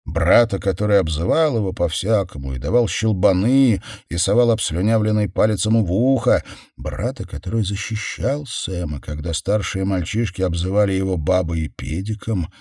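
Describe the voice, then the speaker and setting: A man narrating a horror audiobook in a measured, intense way, slowing down on key words. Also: sits low, a little mellow, breathy edge, no room sound. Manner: measured, intense, with slowed stresses. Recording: dry close studio sound.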